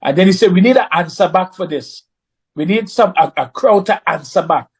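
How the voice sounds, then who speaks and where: A man with a notably high speaking voice tells a story in a relaxed, conversational way. He is animated and slips into other people's voices when he quotes them. He sounds middle-aged. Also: brisk, slightly rough, low-quality recording. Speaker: recording artist guest. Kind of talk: casual storytelling.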